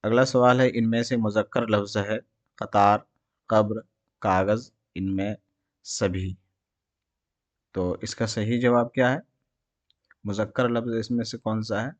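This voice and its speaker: A man with an Indian Urdu accent runs through exam quiz questions in a low voice. He reads out each set of options and then explains the correct answer. The recording is close and dry, with no room echo. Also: steady tone, pauses often. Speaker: teacher. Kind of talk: exam prep lesson, reading quiz answers.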